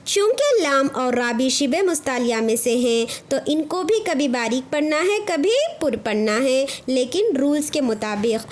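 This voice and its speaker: A woman's voice: sits high, sing-song. A woman with a Dakhni Urdu accent teaches Quran recitation in an online lesson. She keeps asking her students questions and answering them herself. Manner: slows down to chant the example verses. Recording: faint background noise.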